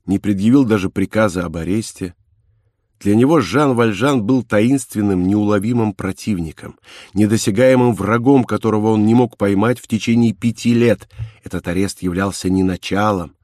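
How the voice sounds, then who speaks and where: A man narrating a classic novel in a measured, grave storytelling manner. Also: on the low side, darkish tone, no echo, studio quality. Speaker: audiobook narrator. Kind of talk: dramatic literary narration.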